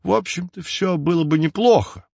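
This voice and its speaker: A man's voice: high-pitched, moderate pace, gravelly, darkish tone, dry recording, lo-fi sound, voice pushed up. A man voicing a ginger mustached tomcat who tells stories, talking solemnly and sighing over his troubles.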